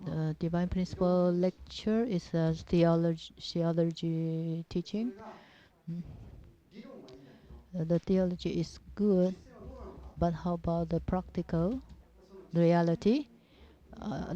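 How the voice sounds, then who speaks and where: A woman from Japan with a Japanese accent giving an informal religious teaching talk in halting, simple non-native English, repeating her phrases. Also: fairly low pitch, fairly even intonation, mellow. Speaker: religious seminar speaker. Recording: dull, muffled lo-fi audio.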